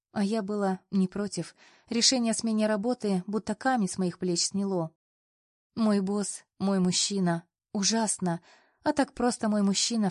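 A woman narrating a novel in the first person, with a lively and expressive reading. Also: medium pitch, dry recording, clean studio sound. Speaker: audiobook narrator.

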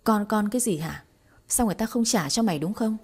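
A woman voicing a harsh, abusive older mother-in-law who scolds in a shrill, rapid-fire way, in an audiobook reading. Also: expressive, a little mellow, husky. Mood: scolding.

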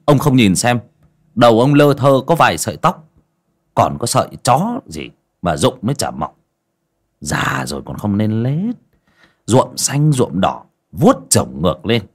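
A man's voice: mid-range voice, very animated, a little slow, long pauses, pitched above the performer's own voice. A man doing a mocking young exorcist. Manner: mocking, scolding, loud.

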